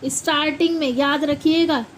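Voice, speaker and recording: Speaking at a moderate pace with fairly even intonation, this high-voiced woman teaches English pronunciation as if in class. She spells out each word letter by letter, says it again, and checks her students are keeping up, all over a rough recording with slight hiss.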